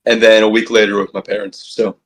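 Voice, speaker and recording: A young man, co-host of a casual fan podcast, talking excitedly with many restarts, recorded on a phone with low-quality stream audio. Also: quick pace. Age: young adult.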